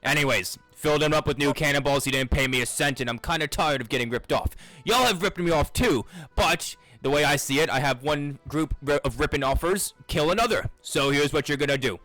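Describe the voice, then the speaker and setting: A man voicing a gruff male dwarf shipwright who talks bluntly and crudely, swearing often. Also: on the high side, brisk, hardly any pauses, pushed and bright, no room sound, faint music behind, voice pushed up, low-quality recording. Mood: scheming.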